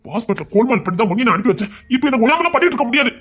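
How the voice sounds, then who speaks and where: A man playing a brash, fast-talking rowdy. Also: very high-pitched, animated, a bit bright, breathy edge, full character voice. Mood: angry. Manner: scolding, rapid, exasperated. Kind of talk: amateur romance drama acting.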